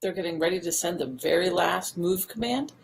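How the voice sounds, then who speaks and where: A woman's voice: lowish voice, fairly quick, vocal fry, slight background noise, low-quality recording. A woman engineer explaining a technical procedure in a live interview, hesitant and piece by piece. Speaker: deputy commissioning engineer being interviewed.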